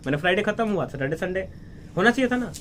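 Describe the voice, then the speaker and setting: A man's voice: high voice, animated, a bit bright, a little hiss or hum. A man, teaching a class story line by line and asking his students questions. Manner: explains slowly, asks questions and answers them himself. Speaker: English teacher. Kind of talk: line-by-line lesson explanation.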